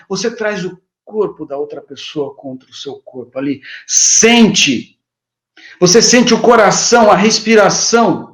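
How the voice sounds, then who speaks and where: Man, Brazilian accent, motivational self-help talk, speaks straight to the listener, repetitive, fairly high voice, echoey room. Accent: Brazilian Portuguese. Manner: addresses the listener directly, coaxing and repetitive. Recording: roomy, echoey room sound.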